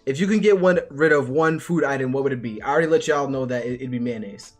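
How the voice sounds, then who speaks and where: A young man co-hosts a laid-back live-stream podcast. He jokes and exaggerates, laughing easily between lines, in an ordinary middle pitch. Soft music plays faintly underneath. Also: fast talker. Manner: laughs often, playful and exaggerated. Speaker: podcast co-host. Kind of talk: casual chat on a live stream.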